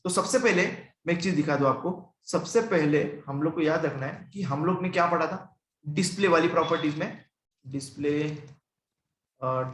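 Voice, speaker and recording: Chatty Indian coding teacher, slightly high voice. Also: male voice, fairly bright tone, roomy sound. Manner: conversational, asks and answers own questions, often checks in with "ठीक है". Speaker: programming teacher. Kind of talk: screen-recorded coding tutorial.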